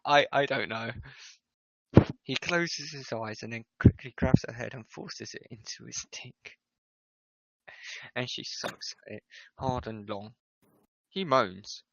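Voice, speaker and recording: A man's voice: medium pitch, a little slow, vocal fry, a bit bright, no echo, highs cut off. A man hosting a casual podcast, reading a story aloud and breaking into giggles as he goes. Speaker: podcast host.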